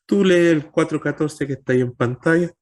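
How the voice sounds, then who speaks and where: A man's voice: a little high, brisk, a little mellow. Emphatic male pastor teaching scripture. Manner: asks rhetorical questions and answers them. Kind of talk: Bible class teaching.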